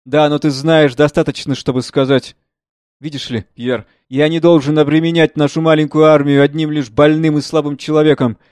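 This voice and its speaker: A man's voice: a little high, little pitch movement, normal speed, darkish tone, no echo, studio quality, voice pushed up, natural voice. A man voicing an anguished aging writer. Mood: impassioned. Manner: impassioned, declamatory.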